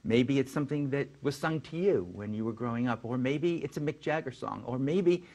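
A man of middling pitch hosts an interview. He asks his questions playfully and gently teases his guest. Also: brisk. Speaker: film critic hosting an interview show. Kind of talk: casual interview talk.

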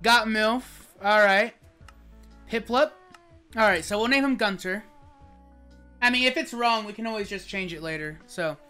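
A woman's voice: mid-range voice, normal speed, long pauses, pushed and bright. A woman streamer commentating a game, talking casually to viewers with lots of swearing and internet slang. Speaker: gaming streamer. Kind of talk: casual let's-play commentary. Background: game music.

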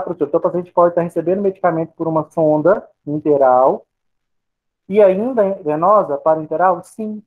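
A man with a Brazilian Portuguese accent, a pharmacy lecturer explaining slides and asking and answering his own questions. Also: high voice. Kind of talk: recorded lecture over slides. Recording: tinny phone-like audio.

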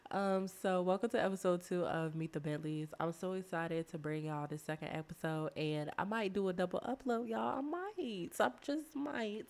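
A woman's voice: on the low side, moderate pace, few pauses, a little mellow, smooth. A woman with a sick voice, chatting casually as she plays a life-simulation game and playfully scolds her characters. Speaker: let's play host. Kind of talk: casual gameplay commentary.

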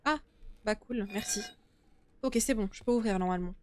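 A young woman giving casual, informal live commentary on a horror game, chatty and quick to swear. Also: mid-range voice, a little mellow, a little hiss or hum. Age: young adult. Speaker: game streamer. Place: small indoor streaming room. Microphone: close desktop streaming microphone.

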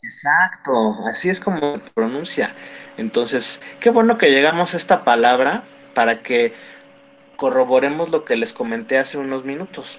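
A man's voice: medium pitch, a bit bright, dull audio. A man teaching a beginner English class, patiently correcting pronunciation and encouraging his students.

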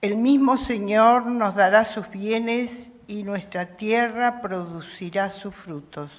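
An older woman at a chapel lectern microphone, reading the psalm verses of a Mass in a measured manner. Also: mid-range voice. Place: small chapel. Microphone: stand microphone at lectern. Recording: long chapel reverb.

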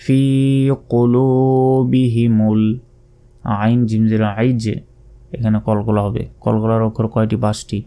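A man with a Bangladeshi Bengali accent teaches Quran reading in a low, very mellow voice. He spells the letters out slowly and patiently, drawing out each recited word. His tone is smooth and resonant. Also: monotone.

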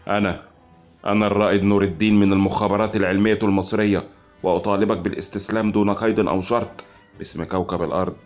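A man's voice: fairly low pitch, level tone, very fast, highs cut off, soft background music, lightly acted. A man voicing a stern commanding hero officer. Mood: firm commanding. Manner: firm, commanding. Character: stern heroic male officer, firm.

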